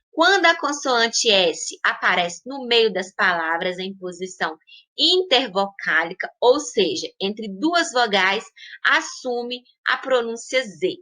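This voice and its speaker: A woman's voice: fairly high pitch, bright, forceful tone. A woman teacher with a Brazilian Portuguese accent gives a recorded lesson to young pupils. She talks patiently, stresses example words and keeps checking in with the class. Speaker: primary school teacher.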